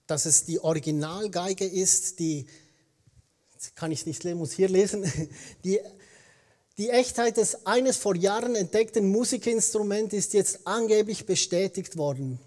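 Here a guest pastor from eastern Switzerland, Swiss German by origin, preaches in standard German with a Swiss accent. His voice sits on the high side with a darkish tone. His sermon unfolds as conversational storytelling, with frequent self-corrections.

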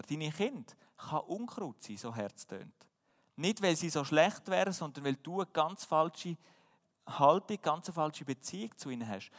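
Guy preaching, kinda high voice, earnest and emphatic, big reverby church hall. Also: fairly bright tone. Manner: earnest, emphatic, rhetorical questions. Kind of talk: sermon.

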